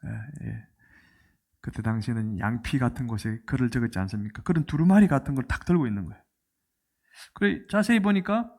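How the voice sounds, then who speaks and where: A middle-aged man preaching a sermon as a pastor, telling the story with animation and asking the congregation questions. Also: a little high. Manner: animated storytelling, asks the congregation questions and acts out quoted lines.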